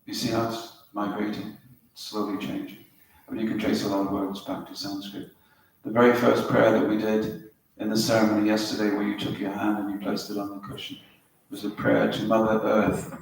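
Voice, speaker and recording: In a yoga center hall, a middle-aged spiritual teacher from Wales shares anecdotes with a small group and walks through words step by step. His lowish, creaky voice is monotone, moving at normal speed with hardly any pauses. A distant mic captures the roomy hall along with a faint hiss.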